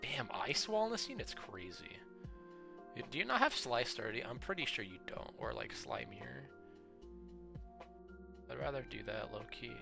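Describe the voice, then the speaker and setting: A young man streaming casual commentary on viewers' game builds, chatty and full of fillers, with excited outbursts. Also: mid-range voice, normal speed, creaky, long pauses. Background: faint background music.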